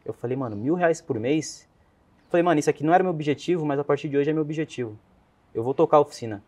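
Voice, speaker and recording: A man's voice: fairly high pitch, quick pace, mellow. A young man with a Brazilian accent, telling a personal story as a guest in casual, slangy speech, often quoting himself. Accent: Brazilian Portuguese. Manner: slangy, rambling, quotes himself a lot.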